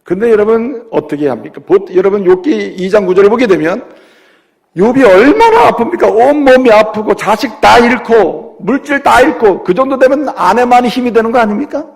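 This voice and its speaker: A man's voice: extremely high pitch, expressive, fairly quick, creaky. A man preaching a sermon as a pastor, asking his congregation questions and acting out quoted voices. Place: church sanctuary. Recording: long reverb of a church hall.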